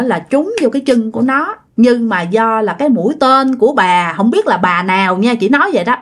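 Woman, casual ghost story narration, chatty, lively pitch swings. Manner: chatty, addresses listeners directly.

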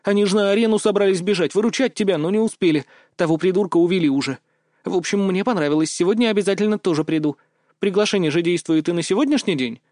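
A lively teenage girl, voiced by a man in an audiobook, teasing and chirpy. The voice sits high and bright, and the recording is dry and close. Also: fast, no echo, natural voice. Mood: excited. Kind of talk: audiobook character voice.

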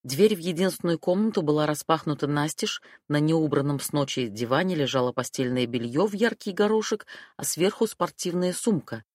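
A woman reading a first-person crime novel aloud in a brisk, wry storytelling manner. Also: deep voice, a little mellow, no echo, clean studio sound. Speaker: audiobook reader.

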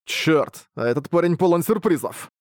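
A man's voice: fairly high pitch, animated, normal speed, dry recording, voice pushed up, lightly acted. A man voicing a bold, cheerful young male commander who calls out orders and teases, in a dry recording. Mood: confident. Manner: commanding, teasing shouts.

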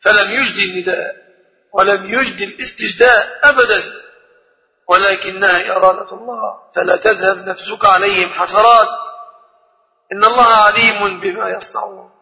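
A man's voice: high voice, steady tone, normal speed, vocal fry. A man teaching a religious lecture, speaking emphatically and posing rhetorical questions to his listeners. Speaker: Quran teacher. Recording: long reverb, dull lo-fi sound.

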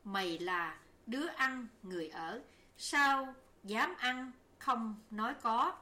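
A defiant, jealous concubine snaps back in an indignant, scolding voice, as a woman reader puts her on. The tone is bright and pointed, and the words come slowly. It sounds like a storybook reading. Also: a little high.

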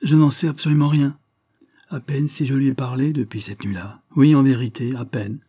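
A man's voice: mid-range voice, fairly even intonation, moderate pace, mellow, breathy edge, dry recording, studio quality, voice pushed up, natural voice. A man doing a mocking, secretive old lord. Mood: wry.

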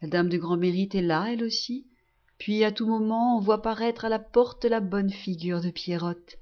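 A woman narrating a classic novel as an audiobook, with a measured and expressive reading. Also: medium pitch, dull audio. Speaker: audiobook reader. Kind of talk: literary narration.

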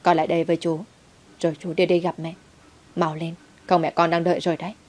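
A woman's voice: on the low side, flat delivery, fast, a little mellow, natural voice. A woman reading the lines of a lecherous older male guest in a spoken story, in a coaxing, wheedling way.

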